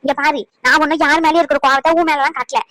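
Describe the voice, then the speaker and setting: Cartoon role: a rapid-fire scolding mother-in-law, fairly high and dry. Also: fairly even intonation, no room sound, rough recording. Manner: sharp, grumbling, rapid scolding. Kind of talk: cartoon voice acting.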